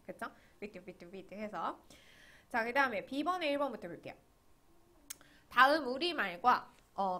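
A woman's voice: mid-range voice, a bit bright. A young woman teaching an English grammar lesson online, chatty and often checking that students follow along.

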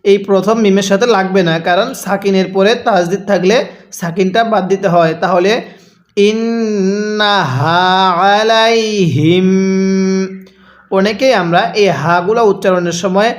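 A man with a Bangladeshi Bengali accent teaching Quran reading, spelling out letters and vowels one by one and drawing out the recitation slowly and patiently. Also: high voice, steady tone.

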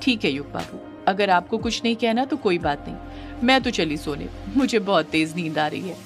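An affectionate, teasing young woman, put on by a female narrator in an audio story. She coaxes gently and playfully, with faint music in the background. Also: on the low side, animated, normal speed. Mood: tender coaxing. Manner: tender, coaxing, playful.

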